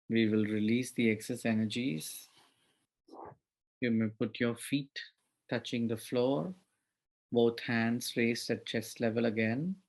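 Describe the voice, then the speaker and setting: A man guides a meditation in a slow, unhurried voice with a gravelly, creaky edge. He gives soft, measured instructions and leaves long pauses between them. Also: mid-range voice.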